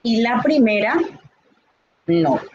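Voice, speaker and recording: A woman teaching a Spanish grammar lesson, talking slowly and deliberately and repeating key points. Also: fairly high pitch, animated, highs cut off, noisy background. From Dominican Republic.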